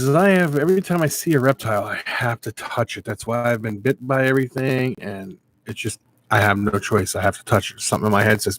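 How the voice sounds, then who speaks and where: A man's voice: on the low side, no echo. A man casually hosting a live stream, rambling and chatting with viewers by name.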